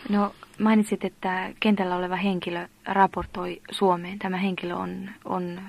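A woman interviewing a guest, asking deliberate questions with slight stumbles. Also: lowish voice, little pitch movement, vocal fry.

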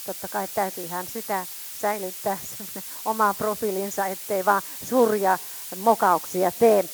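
A woman preaching a sermon, fervent, calling out to her congregation and swinging between loud shouts and quiet asides. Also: mid-range voice, fairly even intonation, a little hiss or hum, low-quality recording.

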